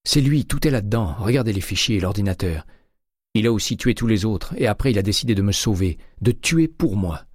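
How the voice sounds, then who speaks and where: A man's voice: low voice, moderate pace, a little mellow, breathy edge, no echo, clean studio sound. A man reading a shaken, insistent investigator. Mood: agitated. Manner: agitated, insistent, rising to exclamations. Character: shaken male ex-investigator, adult, urgent. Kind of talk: audiobook character reading.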